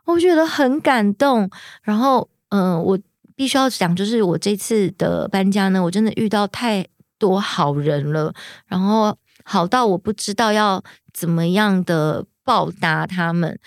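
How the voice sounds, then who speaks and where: A young woman hosts a podcast, casually telling a story and quoting people in lively voices. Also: medium pitch, measured pace, no room sound, clean studio sound. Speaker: podcast host.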